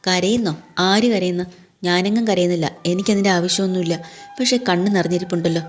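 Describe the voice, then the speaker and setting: A woman's voice: lowish voice, fairly even intonation, fast talker, natural voice. A woman voicing a proud young woman who answers her sister curtly and hides her grief in a retold TV serial story. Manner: curt, dismissive.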